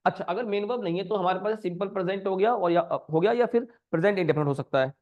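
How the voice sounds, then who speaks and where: High voiced male teacher, mixes hindi with english terms, dull lo-fi sound. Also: fast talker. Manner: coaxing students with repeated questions. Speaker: grammar teacher. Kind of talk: live online grammar lesson.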